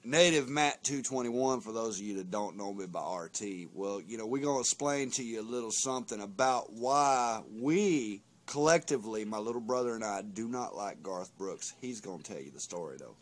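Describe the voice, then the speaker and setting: A man's voice: on the low side, lively intonation, moderate pace, hardly any pauses. A man speaking as a drunken host, in casual and profane banter. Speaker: host introducing his brother's rant.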